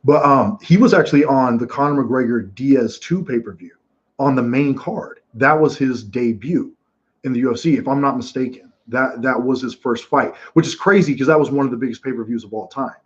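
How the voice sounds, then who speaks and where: A man hosting casual live fight commentary from home, telling stories in a rambling, animated way with many restarts. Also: medium pitch, fairly quick. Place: home room watching fights. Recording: dull lo-fi sound.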